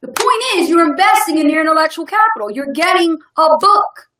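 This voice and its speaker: Upbeat lady cohost on a webinar, high voice, laughs a lot, pushy motivational talk. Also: lively intonation, brisk, sharp tone, echoey room, a little hiss or hum. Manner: upbeat, emphatic, laughs often. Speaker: co-host of online business webinar.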